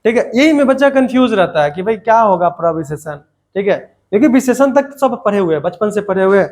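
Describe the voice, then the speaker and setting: A man's voice: sits high, animated, fast talker, a little mellow. A man teaching a grammar lesson to students, repeating points and asking questions that he answers himself, with playful asides.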